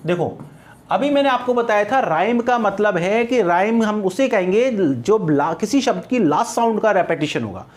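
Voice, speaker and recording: A male English teacher giving an exam-prep lecture, asking rhetorical questions and answering them himself, and slowing down to spell out words and examples. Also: high-pitched, lively intonation.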